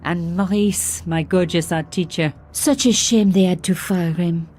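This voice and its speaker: A woman's voice: lowish voice, fairly even intonation, unhurried, darkish tone, slight background noise, close to an everyday voice. An actress voicing a young woman journalist who narrates her sleuthing with dry, self-mocking asides. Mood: wry. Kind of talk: game voice-over narration.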